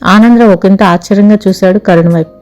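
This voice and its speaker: Calm woman narrating a story. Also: mid-range voice, quick pace, faint music behind. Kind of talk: audiobook narration.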